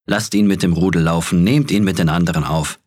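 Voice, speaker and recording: A man voicing an old, sleepy brown bear who speaks gruffly and earnestly in an audiobook. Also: deep voice, brisk, a little mellow. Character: old sleepy brown male bear, plain-spoken teacher. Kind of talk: audiobook character voice.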